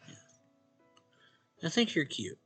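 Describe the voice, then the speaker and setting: Game music plays behind a let's play host who reads a visual novel aloud, covering both dialogue and first-person narration in a casual way. He speaks slowly, with a slightly bright voice.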